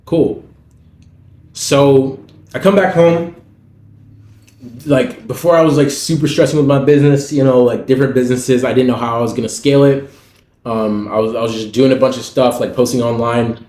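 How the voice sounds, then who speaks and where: A man's voice: mid-range voice, fairly even intonation, brisk, a little mellow, roomy sound. A man telling a personal story to camera in a rambling, faith-filled way. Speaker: vlogger. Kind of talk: casual storytelling monologue.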